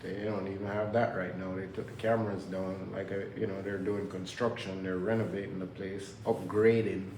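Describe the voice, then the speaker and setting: A man's voice: deep voice, flat delivery, normal speed, few pauses, darkish tone, slight background noise. A man from Jamaica talking casually to camera in a loose, rambling way, from an indoor workplace under renovation. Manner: loose, rambling, preachy self-motivation talk. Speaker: vlogger. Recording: echoey room with faint ambience.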